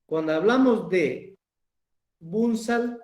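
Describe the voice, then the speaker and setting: A male teacher giving a recorded class, with a fairly high, mellow voice. He talks slowly and patiently, going back over each point and asking whether his students understand. The sound is echoey, as if in a bare room. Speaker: language teacher. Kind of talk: recorded online class lecture.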